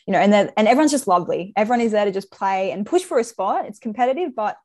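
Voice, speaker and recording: Very fast and lively in intonation, her medium-pitched voice is a little mellow. She's a twenty-something soccer player from Brisbane with a Queensland Australian accent, chatting informally in an interview.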